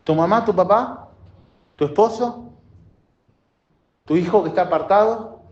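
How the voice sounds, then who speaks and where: A man preaching a sermon as pastor, impassioned and swinging between loud and soft. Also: sits high, a little slow. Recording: dull lo-fi sound.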